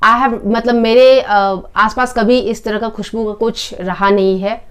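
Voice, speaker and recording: A woman giving a casual product review with a live demo, in calm, unhurried descriptive talk with occasional fillers. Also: a little high, smooth.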